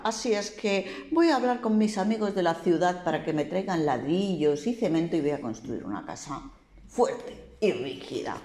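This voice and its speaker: A woman voicing the eldest male piglet, careful and sensible, speaking slowly and deliberately. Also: mid-range voice, a little mellow, a little hiss or hum, close to an everyday voice. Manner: slow, deliberate. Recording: echoey room.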